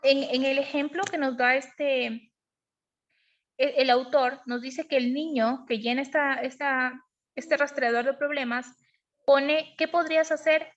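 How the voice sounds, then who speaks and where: High-voiced woman teaching a parenting class. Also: steady tone, measured pace. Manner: explanatory, asks frequent checking questions. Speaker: parenting educator. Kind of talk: online class on emotional parenting. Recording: dull lo-fi sound.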